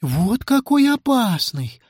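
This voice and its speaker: A woman's voice: fairly high pitch, very animated, takes it slowly, darkish tone, husky, no room sound, studio quality, voice pushed up, exaggerated voice. A woman doing a fussy worried school nurse.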